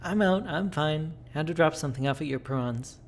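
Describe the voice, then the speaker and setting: Ailing, stubborn mother for a game, gentle, tired delivery, male reader, faint background noise. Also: fairly high pitch, fairly quick, voice pushed up, close to an everyday voice. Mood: reassuring.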